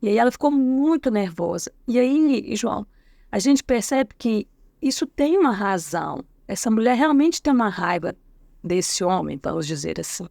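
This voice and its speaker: A woman's voice: mid-range voice, very animated, moderate pace, creaky, dark tone, no echo, clean studio sound. A middle-aged woman with a Brazilian accent, a guest educator telling a story in a casual interview, acting out the dialogue and often adding tag questions. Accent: Brazilian Portuguese. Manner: acts out quoted dialogue, frequent tag questions.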